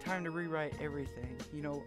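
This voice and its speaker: A man's voice: on the high side, fast, music in the background. A young man co-hosting a podcast, explaining a story in an offhand way with throwaway asides. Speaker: podcast co-host. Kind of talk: casual group chat.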